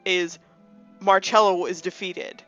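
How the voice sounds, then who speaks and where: A woman's voice: lowish voice, fairly even intonation, slow pace, a bit bright, dry recording, muffled recording, soft background music. A woman in her twenties chatting casually about a game, talkative and often restarting her sentences. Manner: chatty, self-correcting, many restarts. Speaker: co-host.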